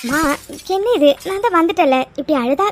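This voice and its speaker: A woman's voice: extremely high pitch, expressive, brisk, slight background noise. A woman voicing a bubbly, playful young daughter returning home in a cartoon. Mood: overjoyed.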